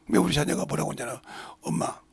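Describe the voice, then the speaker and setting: A middle-aged Korean pastor with a Jeolla accent, preaching a sermon and breaking into loud acted-out lines. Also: male voice, high voice, animated, fairly quick, a crowd in the background. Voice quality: gravelly. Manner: preaching with sudden shouts and acted-out dialogue.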